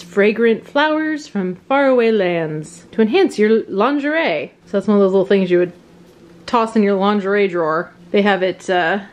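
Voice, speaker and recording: Woman, casual haul vlog, chatty, gushing, rambling, recorded at home. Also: medium pitch. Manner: chatty, gushing, trailing off and restarting. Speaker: vintage reseller vlogger. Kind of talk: casual show-and-tell haul narration. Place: home, at a table of items.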